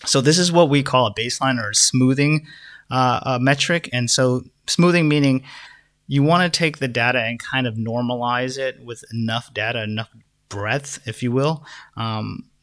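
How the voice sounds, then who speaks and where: A man's voice: mid-range voice, moderate pace, fairly bright tone. A young adult man hosting a casual stock analysis video, talking loosely with many fillers and restarts. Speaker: stock market video host.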